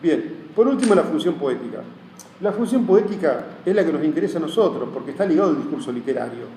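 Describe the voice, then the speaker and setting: A man's voice: fairly high pitch, lively intonation, fast talker, dark tone, a little hiss or hum. Rioplatense guy teaching a class, rambly and chatty, keeps checking in with listeners, mic far off in an echoey room. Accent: Rioplatense Spanish. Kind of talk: classroom lecture.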